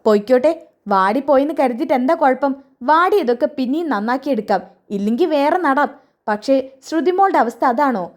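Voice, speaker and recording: A woman voicing a kind old grandmother who fusses and scolds in a high, lively voice. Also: brisk. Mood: fond, scolding.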